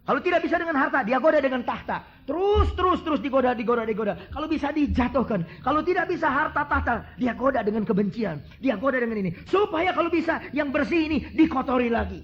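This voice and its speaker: High-voiced preacher telling stories. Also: male voice, lively intonation, fast talker, few pauses, lo-fi sound. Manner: storytelling, swings from hushed asides to fervent repetition. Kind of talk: sermon.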